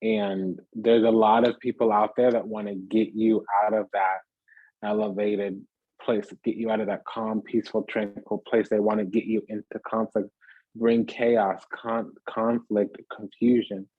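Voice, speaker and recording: A man's voice: lowish voice, little pitch movement, measured pace, breathy edge, no echo, phone-quality sound. A man giving a casual, rambling tarot reading to viewers, piling up phrases in lists and checking in with "does that make sense?". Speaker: tarot reader.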